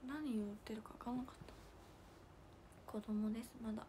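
A woman's voice: fairly high pitch, fairly even intonation, fairly quick, a little hiss or hum. Chatty young woman with a lilt. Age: young adult. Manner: chatty and giggly, dropping to soft near-whispers to thank viewers. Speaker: idol livestream host. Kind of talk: casual livestream chat reading fan comments.

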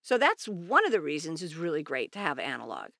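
Bright-voiced woman podcast co-host. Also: low-pitched, very animated, a little fast, no room sound, clean studio sound. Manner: upbeat, explains with everyday examples. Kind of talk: casual chat. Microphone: studio microphone.

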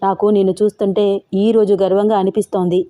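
A woman's voice: medium pitch, level tone, fairly quick, mellow, natural voice. A woman voicing an earnest, proud older father giving his son advice.

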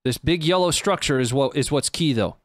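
Brisk and fairly bright, a mid-range male voice delivers casual live commentary on footage from a stream host in his thirties. He's speaking into a close boom-arm desk microphone in a small indoor studio, and there's no echo.

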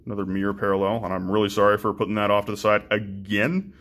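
A young man with a slightly low voice talks his way through opening card packs. He is relaxed and chatty, swearing casually and often stumbling into restarts and ums. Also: fast talker. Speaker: card-breaking channel host.

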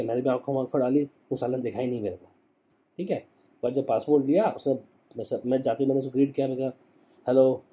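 A man's voice: medium pitch, mellow, slightly rough. A young man, a travel YouTuber, telling a story in a casual, slangy way and often adding "ठीक है".

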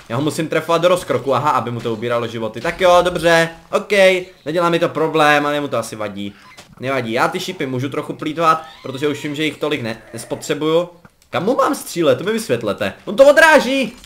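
A young man talks his way through a game session in a relaxed, rambling way, his voice sitting a little high. He jokes with his viewers and jumps into sudden excited yelps when the action turns against him. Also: slight background noise. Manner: chatty, joking, rambling, breaks into excited yelps. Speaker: gaming commentator. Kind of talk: casual gameplay commentary.

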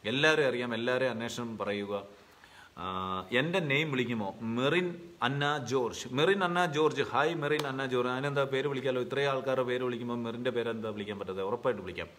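A young man on a live stream, reading fan comments aloud and answering them in a relaxed, chatty way with many fillers, from his home. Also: medium pitch, fast. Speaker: serial actor answering fan questions.

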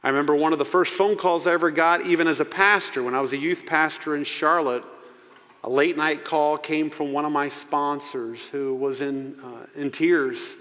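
A man in his forties preaching a sermon into a pulpit microphone as pastor. He speaks earnestly and slows down to stress key phrases. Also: a little high, steady tone, fairly bright tone. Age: 40s. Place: church sanctuary. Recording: long church reverb.

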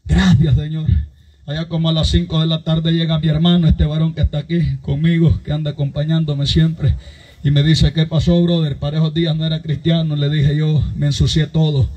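A man's voice: fairly high pitch, level tone, a little fast, warm tone, muffled recording. A man preaching a fervent sermon, with a strong voice and constant calls to his "brothers.". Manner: impassioned, repeatedly addressing listeners as brothers. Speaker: pastor.

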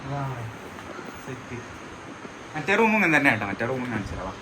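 A chatty man walks a resort with his phone in hand. He keeps checking with his family that everything is all set. A steady noisy hum sits under his voice. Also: medium pitch, normal speed. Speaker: vlogger. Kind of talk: casual tour vlog. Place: resort, walking around. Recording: steady background noise.

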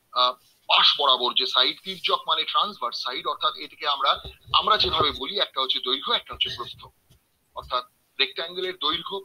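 A man's voice: a little high, sharp tone, slightly rough, rough recording. A middle-aged man giving a lecture in a webinar, explaining terms patiently and speaking straight to his listeners. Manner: explanatory, addresses listeners directly, recites verses slowly. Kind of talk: lecture on ancient mathematics. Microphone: video call.

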